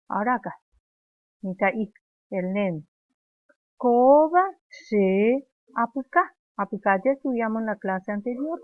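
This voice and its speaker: A woman teacher speaks slowly and patiently, modeling each word for children to repeat. Her voice comes through a thin, phone-like line, close and dry with no room around it. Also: medium pitch, no room sound. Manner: slow, patient, models words for pupils to repeat. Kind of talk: remote first-grade language lesson.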